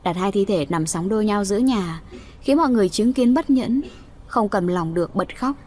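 A woman's voice: medium pitch, animated, normal speed, darkish tone, a little hiss or hum. Woman reading a village tragedy aloud. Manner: reads all characters' lines in a lightly raised voice. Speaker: audiobook narrator. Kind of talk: storytelling audiobook reading.

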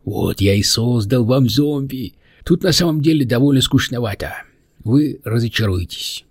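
Stikiti, a man voicing a squeaky furry demon. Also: moderate pace, breathy edge, dry recording, studio quality. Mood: teasing. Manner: squeaky, excitable, teasing. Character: small furry male demon, mischievous prankster.

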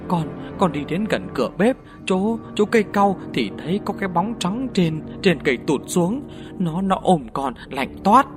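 A man's voice: fairly high pitch, sing-song, normal speed, hardly any pauses, over music. A man voicing a frightened young sister-in-law, stammering and breathless. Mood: terrified.

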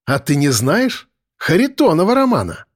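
A man's voice: on the high side, huge pitch swings, moderate pace, voice pushed up. A man voicing a smug, impatient young detective who speaks curtly. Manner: curt, self-satisfied.

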